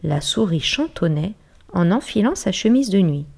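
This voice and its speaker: A woman reading a children's bedtime story aloud in a gentle, hushed way, dropping now and then to a whisper. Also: fairly low pitch, very animated, moderate pace, vocal fry, breathy edge.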